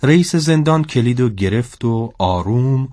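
A man narrating a story in a steady, scripted storybook style. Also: medium pitch, no room sound, studio quality.

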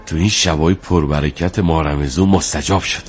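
An actor playing a younger bazaar shopkeeper in a drama, bargaining but good-hearted, colloquial and courteous. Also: male voice, extremely low pitch, steady tone. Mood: generous. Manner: colloquial, street-wise, courteous.

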